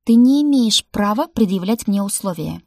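A woman's voice: fairly low pitch, sing-song, measured pace, mellow, husky, dry recording, studio quality, full character voice. Woman reading a fiery young woman ruler. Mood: indignant.

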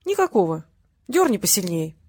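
Giggly carefree young woman, lifted and bright, as the reader puts her on; dry studio read. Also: medium pitch, sing-song, moderate pace, slightly rough, no echo. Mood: playful. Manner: bright, breezy, playful. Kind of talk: audiobook character voice.

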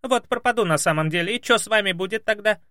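A man voicing a loud, coarse, quarrelsome female housemaid who shouts in blunt, crude slang. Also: quick pace, dry recording, studio quality, lightly acted. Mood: shrill, quarrelsome. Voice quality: shrill, shouting. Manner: blunt, crude colloquial speech.

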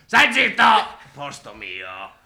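A man calling in on speakerphone, abusive and repeatedly shouting at others to shut up. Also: medium pitch, huge pitch swings, slow, gravelly, echoey room. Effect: on speakerphone over the phone line. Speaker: caller.

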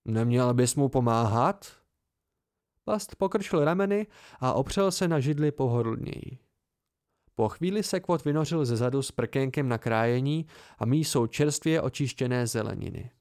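Smooth-voiced man reading an audiobook. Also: mid-range voice, a little mellow. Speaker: audiobook narrator. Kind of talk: amateur audiobook narration.

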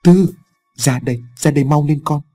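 A man's voice: mid-range voice, lively intonation, quick pace, mellow, slightly rough, soft background music. A man voicing a frightened, tearful old farm wife who pleads with a trembling voice.

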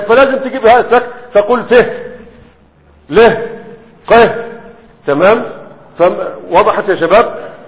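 A man with an Egyptian accent teaching a grammar lesson, explaining step by step and often checking that students follow. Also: high voice. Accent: Egyptian Arabic. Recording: tinny, echoey hall.

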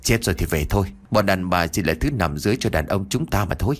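A man voicing a cruel, lecherous young landlord's son who gives gruff, commanding orders. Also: low-pitched, lively intonation, fast. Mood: menacing.

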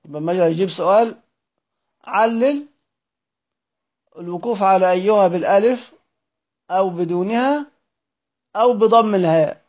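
A man's voice: high voice, moderate pace, long pauses. A man with an Egyptian accent teaching a class, reading from a text and explaining each point step by step, asking questions and answering them himself. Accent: Egyptian Arabic. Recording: muffled lo-fi recording.

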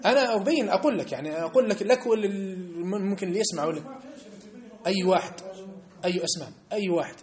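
A man leads a lesson in a mosque. His voice sits somewhat high, and he talks very fast. He argues his points and puts questions straight to his listeners. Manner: animated, argumentative, challenges listeners directly. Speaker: religious teacher.

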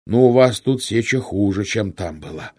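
A man voicing an excited male mounted scout who exclaims loudly in a raised voice. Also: normal speed, slightly rough, no echo, clean studio sound. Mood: excited shouting. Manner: loud, exclaiming, high-pitched.

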